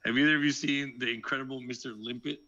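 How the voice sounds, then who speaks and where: A man in a casual podcast chat, telling jokes and telling stories in an animated way. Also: mid-range voice, quick pace, lo-fi sound. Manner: joking, animated storyteller. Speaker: podcast co-host.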